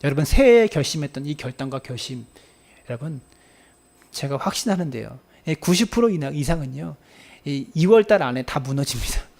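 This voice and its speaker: A man's voice: a little high, lively intonation, fairly quick, vocal fry, darkish tone. A male pastor giving a Sunday sermon in church, earnest, repeating phrases for emphasis and addressing the congregation directly. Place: church sanctuary.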